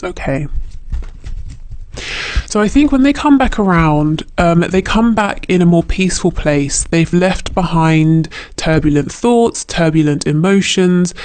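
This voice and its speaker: His voice sits on the high side with a darkish tone, and there's no echo. The man delivers an off-the-cuff spiritual tarot reading to the viewer, thoughtful and often hesitant while looking for how to phrase things.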